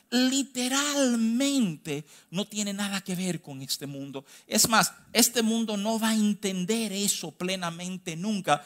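A man with a Dominican accent preaching a sermon, stressing key phrases slowly and then rushing through quick asides. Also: sits high, a bit bright. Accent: Dominican Spanish. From Dominican Republic. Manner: emphatic, swinging between slow stressed phrases and quick asides.

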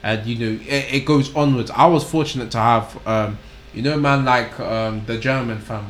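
A man's voice: mid-range voice, normal speed, fairly bright tone. A man in his twenties with a London roadman accent, telling personal stories casually in emphatic street slang. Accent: London roadman, multicultural London slang. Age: 20s. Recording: echoey room with faint noise.

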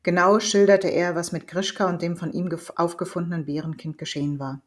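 Woman narrating a story, lowish voice. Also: flat delivery. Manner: measured storytelling. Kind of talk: audiobook reading.

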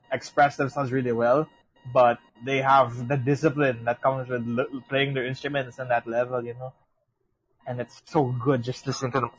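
A man's voice: medium pitch, low-quality recording. A young man co-hosting a casual podcast, rambling with lots of restarts and swearing. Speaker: podcast co-host. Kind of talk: casual chat.

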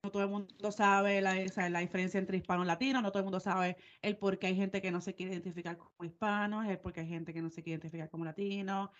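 A Puerto Rican woman talks in casual podcast chat, spinning stories with plenty of asides. Her voice sits at an ordinary middle pitch. The recording sounds a bit dull and muffled. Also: little pitch movement, fast talker, hardly any pauses. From Puerto Rico. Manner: chatty, storytelling, full of asides. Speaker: podcast co-host.

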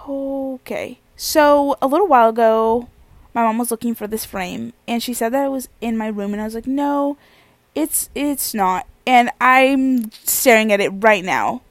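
A woman's voice: on the high side, no echo. A young woman hosting a casual solo podcast, with a slightly stuffy nose, telling rambling stories and giggling often. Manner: chatty, giggly, rambling storyteller. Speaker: podcast host.

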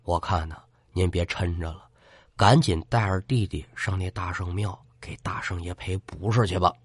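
A man voicing a timid middle-aged innkeeper who speaks in a hushed, halting way, stumbling over his words. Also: low voice, fairly even intonation, husky, no room sound, clean studio sound, voice pushed down. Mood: hushed urging.

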